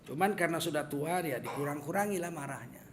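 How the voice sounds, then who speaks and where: A man's voice: a little high, fast talker. A middle-aged man from Medan with a Medan accent, giving a humorous sermon and acting out little scenes as he talks. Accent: Medan Indonesian. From Medan, North Sumatra. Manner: joking and animated, acting out little scenes in asides. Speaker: preacher.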